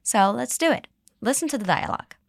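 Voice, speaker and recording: A woman hosting an English lesson podcast, cheerful, modeling phrases slowly for listeners to repeat. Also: a little high, lively intonation, creaky, dry recording, clean studio sound. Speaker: English teacher and podcast host. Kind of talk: scripted language lesson.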